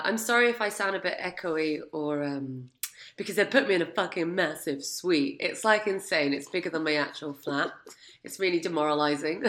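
A woman's voice: fairly low pitch, fairly bright tone. Chatty London woman echoing in a hotel suite. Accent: London English. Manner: chatty, lots of "like", laughs easily. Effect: echoey sound of a huge hotel suite. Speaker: film podcast co-host. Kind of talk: casual chat. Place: large hotel suite indoors.

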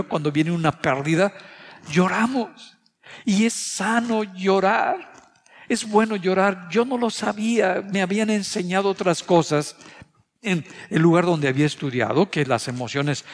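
A middle-aged Mexican man preaching a sermon, earnest and confessional, sharing personal stories. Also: a little high. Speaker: pastor. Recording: reverberant hall sound.

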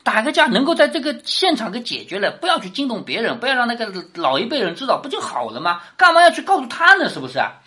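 Woman, teacher, lecture on a classic novel, fast talker, lively pitch, rhetorical questions. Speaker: literature teacher.

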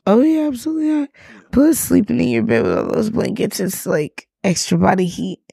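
A woman's voice: on the high side, a little fast, gravelly, warm tone, slightly rough, dry recording, clean studio sound. A woman co-hosting a podcast in casual chat, teasing and laughing often. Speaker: podcast co-host.

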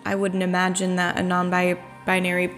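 A woman's voice: on the low side, monotone, moderate pace, fairly bright tone, faint music behind. A woman co-hosting a casual podcast, explaining and summarizing in an easygoing way, with the odd swear word. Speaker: podcast co-host. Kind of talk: casual conversational discussion.

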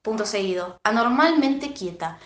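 A woman with an Argentine Rioplatense accent, co-hosting a podcast and retelling a story in a casual, animated way. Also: fairly high pitch, moderate pace, reverberant. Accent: Argentine Rioplatense Spanish. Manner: animated, acts out the characters' lines. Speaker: podcast co-host.

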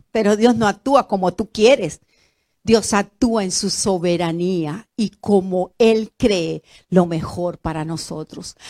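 A woman preaches a sermon in a somewhat high voice. She is animated, bursting into exclamations and then sinking to quiet, low remarks. She keeps turning to her listeners with direct questions. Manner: animated, swings between loud exclamations and soft low asides.

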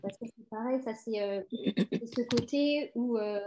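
A middle-aged woman from France talks casually and reflectively, with many fillers and restarts. Her voice is a little high and unhurried, and there is background noise.

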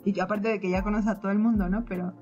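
A woman's voice: mid-range voice, racing, lo-fi sound, faint music behind. A young woman with a Mexican accent, co-hosting a casual chat podcast, telling stories and acting out what people said. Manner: storytelling, animated, acts out quoted lines. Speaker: podcast co-host.

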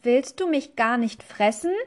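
A woman voicing a young, hungry and curious rabbit with a squeaky voice, as in a read-aloud storybook. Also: animated, unhurried.

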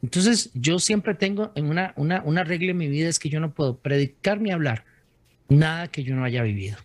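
A man's voice: on the high side, lively intonation, brisk, no room sound. A man, an author telling his faith story as an interview guest, earnest, with many restarts.

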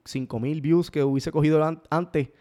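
A man, a guest telling stories in an animated, casual way with quick bursts and restarts. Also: on the high side. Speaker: guest, parody video creator. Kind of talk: casual conversation.

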